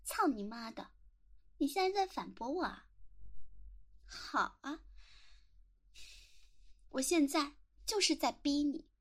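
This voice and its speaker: A woman's voice: sits high, sing-song, takes it slowly, long pauses, exaggerated voice. A young woman voicing a jealous, domineering teenage classmate in an audio role-play drama, sneering and taunting, then spitting out relentless insults. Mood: furious, abusive. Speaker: voice actor.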